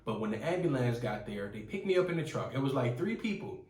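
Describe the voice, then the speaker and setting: A man's voice: medium pitch, sing-song, fast talker, darkish tone. A man in his twenties giving an earnest, rambling personal testimony with frequent restarts. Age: 20s. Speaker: testimony speaker. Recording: roomy, from some distance.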